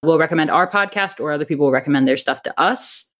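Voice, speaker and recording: A young adult woman speaks quickly in a low voice, chatting casually and giggling a lot. She is an interview guest who writes and directs audio dramas.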